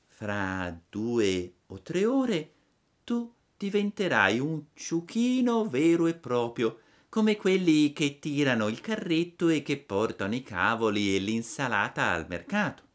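A man voicing a wise, gentle female marmot who speaks slowly and softly. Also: big pitch swings. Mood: sorrowful. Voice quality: soft, slow and low.

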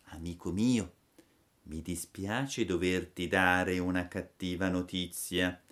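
A man doing a slow soft-spoken marmot. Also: mid-range voice, sing-song. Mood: sorrowful. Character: wise gentle female marmot, sympathetic.

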